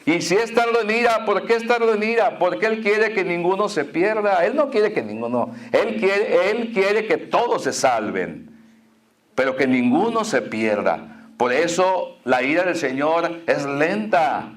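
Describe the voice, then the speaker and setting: A man with a notably high voice preaches a sermon with fervor. He leans on repetition and rhetorical questions, climbing into ringing exclamations and then dropping into hushed, low asides. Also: sing-song, unhurried. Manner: impassioned preaching with repeated phrases and rhetorical questions. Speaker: pastor.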